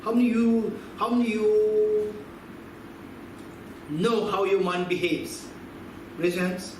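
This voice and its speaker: A man in his fifties gives a conversational teaching talk, quizzing his listeners and repeating his key points. His voice sits somewhat high for a man. He is picked up from a distance in a very echoey hall, with steady noise underneath. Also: slow pace. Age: 50s. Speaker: Buddhist philosophy teacher. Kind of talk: teaching talk with audience questions.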